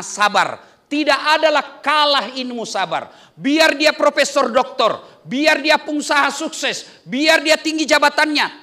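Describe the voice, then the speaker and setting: A middle-aged man from Indonesia giving a humorous sermon, playful and animated, swinging between loud bursts and soft asides. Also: very high-pitched. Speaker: preacher.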